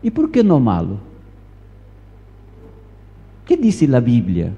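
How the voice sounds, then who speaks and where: A male pastor with a gravelly, very dark voice, preaching a sermon as a storyteller who hammers his points home with rhetorical questions. The sound is dull and lo-fi, with a long echo from the church hall. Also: mid-range voice, huge pitch swings, takes it slowly.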